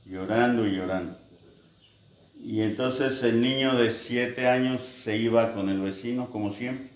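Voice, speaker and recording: Male pastor, lowish voice, storytelling sermon, echoey church hall. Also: a little mellow. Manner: storytelling with acted-out quotes.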